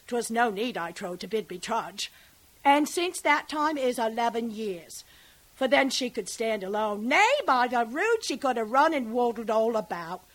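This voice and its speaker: A woman's voice: on the high side, expressive, unhurried, rough recording. A woman performing a classical stage monologue as a garrulous, fond old nurse who rambles and digresses. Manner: rambling, digressive, breaks into laughter.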